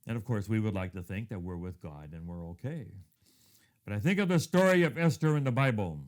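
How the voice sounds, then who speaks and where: Here a man in his fifties, brought up in Thailand, offers a devotional talk built on a personal anecdote, regularly going quiet and hushed. His voice is fairly low, his intonation lively, and his delivery brisk.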